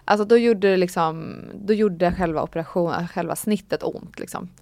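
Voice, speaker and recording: A woman's voice: gravelly, a little mellow, dry recording, clean studio sound. Candid woman telling stories. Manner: candid storytelling, acts out quotes with jumps in pitch. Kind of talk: casual chat.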